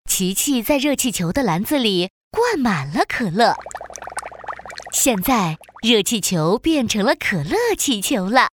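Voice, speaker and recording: Lively, high-voiced woman narrating children's stories. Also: measured pace, a little hiss or hum. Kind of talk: animated scripted children's story narration.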